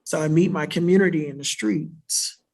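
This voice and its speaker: In a church worship center, an invited South Florida panelist gives an unscripted reply to the audience in a higher voice that is gravelly and a little mellow, at a moderate pace. His style is earnest and explanatory, frequently punctuated by a questioning "right?"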